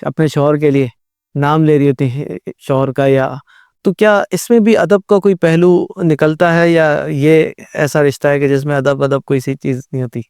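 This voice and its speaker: Male host, respectful, gently humorous, smooth resonant voice, dry studio sound. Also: fairly high pitch, level tone, dry recording. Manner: respectful, frequent affirmations, light humor. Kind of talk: interview questions and backchannel.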